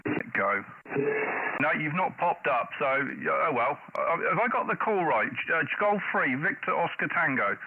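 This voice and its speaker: A man from the United Kingdom hosting a ham radio contact, chatty and quick to laugh, handing over with "go ahead", heard over the radio link. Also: on the high side, sing-song. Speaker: ham radio operator, livestream host. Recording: tinny radio sound with clear hiss.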